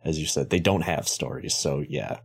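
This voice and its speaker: A man's voice: a bass voice, moderate pace, vocal fry, husky. A man co-hosting a podcast in casual chat, rambling and joking, swearing freely and correcting himself as he goes. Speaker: podcast co-host.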